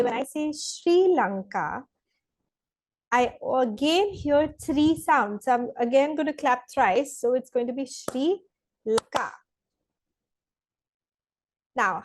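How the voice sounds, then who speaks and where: A woman lecturing slowly and deliberately to students in a recorded online lesson, with some fillers. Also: high-pitched, poor audio. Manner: slow, deliberate teaching with fillers.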